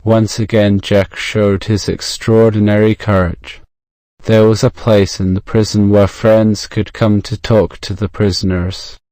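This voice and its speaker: A man with a modern British accent reading a scripted story for English learners, measured and clearly enunciated. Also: on the low side, warm tone, no echo. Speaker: audiobook narrator.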